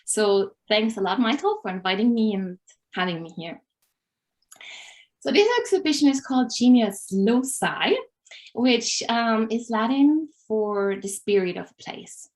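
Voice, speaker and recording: A woman's voice: on the high side, expressive, unhurried, darkish tone. Hesitant Austrian-born woman presenter. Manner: thoughtful, with frequent hesitations. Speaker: landscape architect tour guide. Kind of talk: casual presentation.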